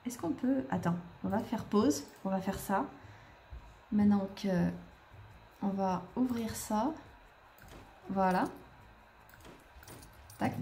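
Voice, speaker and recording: A woman chats her way through a life-simulation game, reacting to what happens and talking straight to the characters. Her voice sits at an ordinary middle pitch. A faint noise hums under the recording. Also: dark tone. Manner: chatty, talks to the game characters. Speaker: gaming video creator. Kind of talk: casual let's-play commentary.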